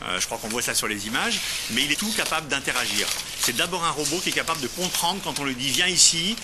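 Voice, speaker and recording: A man's voice: on the high side, expressive, fast talker, heavy background noise. A man from Lyon, France, founder of a robotics company, answering TV interview questions in an explanatory way, with frequent hesitations and restarts.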